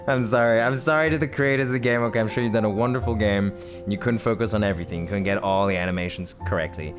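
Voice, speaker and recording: A man with a lowish voice talks very fast as he hosts a let's play, giving casual gameplay commentary with game music behind him. He rambles, laughs a lot, and corrects himself with frequent restarts.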